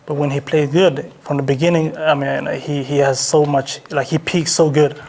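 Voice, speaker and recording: A man's voice: a little high, flat delivery, a little mellow, a little hiss or hum. A man speaking as a team captain in a post-match interview, talking hesitantly with many fillers and restarts. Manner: hesitant, halting, heavy on fillers.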